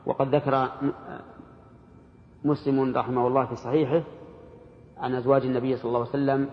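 A man giving a classroom lecture, explaining in a measured way and stopping to question his readers. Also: mid-range voice. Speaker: teacher explaining hadith and commentary. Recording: reverberant hall, dull sound.

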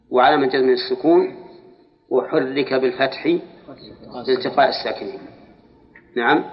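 Male religious teacher, lecture style, stretches words to quiz his class, muffled hall recording with a lingering echo. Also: medium pitch. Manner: questions students, drawls words for emphasis. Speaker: Islamic scholar teaching Quran exegesis. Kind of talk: classroom lecture on Quranic grammar.

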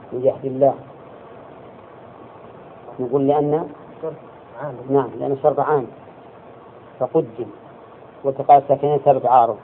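Guy giving a religion class, slow and deliberate, keeps asking the students, sounds like a tinny phone-line recording. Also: medium pitch. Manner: deliberate, checks students with quick questions. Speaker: religious teacher. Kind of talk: classroom lesson explaining hadith and grammar. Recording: tinny lo-fi lecture recording with faint hiss.

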